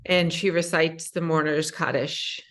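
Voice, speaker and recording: A woman's voice: low voice, fairly even intonation, unhurried, a bit bright. Hesitant woman asking a question. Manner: hesitant, many fillers and restarts. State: emotional, voice rising. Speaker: audience member asking a question. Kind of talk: emotional personal question at an online book talk.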